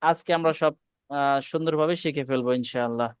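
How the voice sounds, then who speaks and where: High, smooth-voiced man teaching letters. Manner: patient, repeats letters slowly for students to echo. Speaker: Quran teacher. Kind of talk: online class, pronunciation drill. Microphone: video call.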